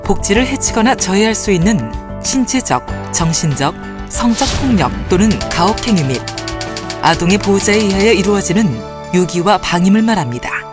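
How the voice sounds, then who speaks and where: Earnest woman narrating over music. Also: medium pitch. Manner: calm, earnest, measured. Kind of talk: scripted narration. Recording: music playing behind.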